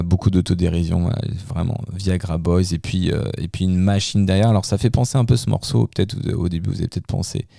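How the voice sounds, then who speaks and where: Low gravelly man hosting radio. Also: dark tone, dry recording, clean studio sound. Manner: hesitant, with many fillers and restarts. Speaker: radio host presenting music. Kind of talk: casual radio music commentary. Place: radio studio.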